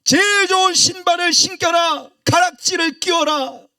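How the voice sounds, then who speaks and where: A man playing an older father loudly ordering his servants, speaking. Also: very high-pitched, moderate pace, no echo, clean studio sound, distant mic, voice pushed up, exaggerated voice. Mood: shouting commands. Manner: shouting orders.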